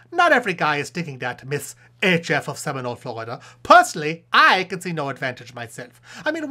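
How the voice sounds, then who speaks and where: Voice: mid-range voice, pushed and bright. Hans von Puppet, a cheeky male puppet professor, as a performer puts him on. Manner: playful, jokey, drops to asides. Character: male puppet sex-advice professor, cheeky and self-amused. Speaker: advice show host. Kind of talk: comedic advice monologue.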